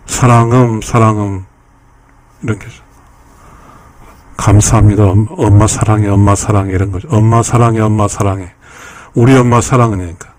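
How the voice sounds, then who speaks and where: A man hosting a YouTube channel, giving a lecture-style analysis of song lyrics, emotional and repeating phrases over and over. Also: fairly low pitch. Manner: polite addresses to viewers.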